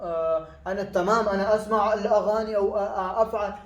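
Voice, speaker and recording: Male teacher, Pashto native speaker, fairly high voice, halting with fillers, echoey room. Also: steady tone. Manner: halting, many fillers and restarts. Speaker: language teacher. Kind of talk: casual spoken lesson.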